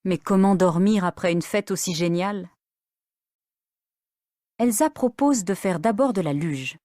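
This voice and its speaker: A woman narrating a story for beginner language learners in a clear, expressive manner. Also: medium pitch, a little slow, no room sound, studio quality.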